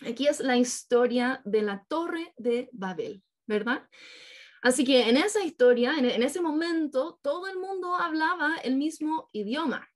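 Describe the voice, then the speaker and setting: A woman's voice: sits high, lively intonation, unhurried. A woman preaching a sermon to her congregation, painting vivid scenes and often checking in with her listeners. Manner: engaging, keeps checking in with listeners; vivid storytelling with imagined scenes.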